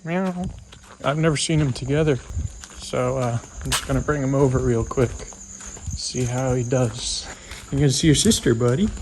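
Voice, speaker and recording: A man's voice: mid-range voice, steady tone, normal speed, rough recording. A young man on a backpacking trip, narrating a casual vlog from a cattle station in a laid-back, dry, self-mocking way. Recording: loud wind noise outdoors. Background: strong wind.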